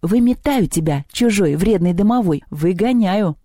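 A woman voicing a calm, determined schoolgirl in a storybook reading. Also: medium pitch, moderate pace, dry recording, clean studio sound, pitched above the performer's own voice. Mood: threatening. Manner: calm, firm. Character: bold, calm schoolgirl leader.

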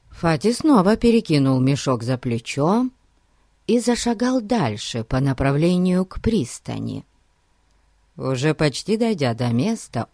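A man reading a story aloud in a measured, expressive way. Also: on the high side, gravelly, no echo, clean studio sound. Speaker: narrator.

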